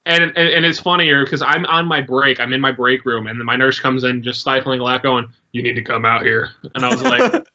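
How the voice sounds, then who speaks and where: A man co-hosting a podcast, telling stories in animated, casual chat and swearing freely. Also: medium pitch, brisk, dull audio. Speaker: podcast co-host.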